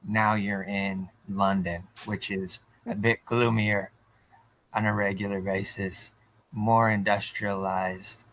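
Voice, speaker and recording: Low-voiced man hosting a podcast. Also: flat delivery, fairly bright tone, low-quality recording. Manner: halting, searching questions. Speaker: podcast host. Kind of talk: interview questions. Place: decorated home studio, indoors.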